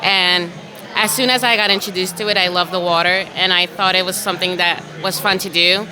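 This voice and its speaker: A woman's voice: on the low side, fairly even intonation, a little fast, a crowd in the background, low-quality recording. A young woman from Brooklyn answering interview questions as a college cadet, in earnest, simple sentences. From Brooklyn, New York. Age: young adult.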